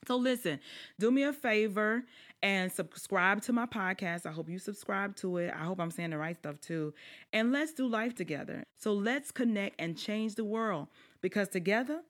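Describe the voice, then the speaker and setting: A woman with a South Carolina lowlands accent hosting her podcast. She is also a pastor, and she talks in a playful, emphatic, preacher-like way, often calling out to her listeners directly. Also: animated, normal speed. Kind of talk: casual podcast intro monologue.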